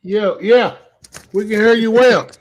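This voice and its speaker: A man with a fairly high voice hosts a relaxed livestream. He jokes and chats with a caller, talking loosely in a country manner. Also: measured pace, highs cut off. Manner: casual, joking, Southern country speech. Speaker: show host. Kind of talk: casual livestream chat.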